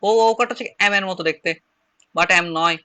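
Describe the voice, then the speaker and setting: A man from Bangladesh with a Chittagong Bengali accent teaches an online shorthand class, going over each step patiently and again and again. His voice sits high and sounds brisk, bright, and forceful. He drills the material, explaining it one step at a time.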